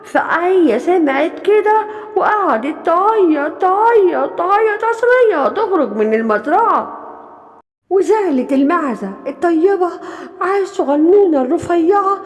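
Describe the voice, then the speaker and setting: A woman's voice: very high voice, lively intonation, moderate pace, big-room sound. A woman with an Egyptian accent narrating a children's bedtime story in a sing-song voice that speaks directly to children. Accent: Egyptian Arabic.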